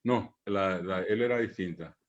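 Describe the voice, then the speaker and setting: A man teaching a language class online, patiently repeating examples, pausing on fillers and checking in with his students. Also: low voice. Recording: muffled online call audio.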